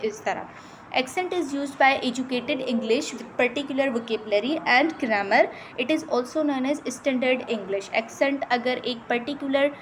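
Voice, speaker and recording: A woman from Pakistan teaching a lecture on English dialects, explaining in Urdu with English terms and slowly reading out English passages. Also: a little high, a little hiss or hum, low-quality recording. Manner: often adds "theek hai" between points.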